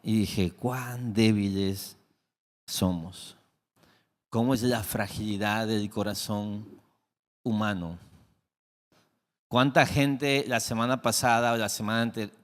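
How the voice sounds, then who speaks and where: A middle-aged man preaching a sermon as pastor, telling a family story, acting out the dialogue and dropping into soft, reflective tones. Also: on the low side. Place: church sanctuary. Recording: long hall reverb.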